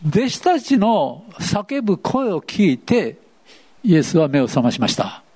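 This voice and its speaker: A man's voice: sits high, very animated, measured pace, warm tone, breathy edge. A man preaching a sermon, playfully asking the congregation questions as he goes. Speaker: pastor. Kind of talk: interactive sermon.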